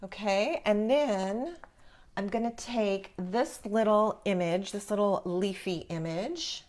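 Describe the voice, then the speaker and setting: A woman's voice: mid-range voice, animated, takes it slowly, a little mellow, a little hiss or hum. A woman hosting a live craft tutorial, talking informally and encouragingly as she explains each step. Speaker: craft class host.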